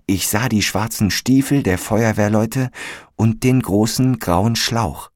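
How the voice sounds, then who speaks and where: A man narrating a story in a calm, measured audiobook style. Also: on the low side, no room sound, studio quality.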